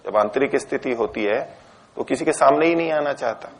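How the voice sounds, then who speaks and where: A man teaching Ayurveda and ethics, lecturing calmly and answering students' questions. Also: mid-range voice. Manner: calm, measured, explanatory. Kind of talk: Hindi discourse lecture with Q&A.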